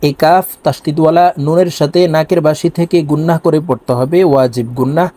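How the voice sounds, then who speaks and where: Patient high-voiced man teaching recitation. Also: fast talker, warm tone. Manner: patient and repetitive, breaking words down sound by sound; addresses viewers directly. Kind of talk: instructional video lesson.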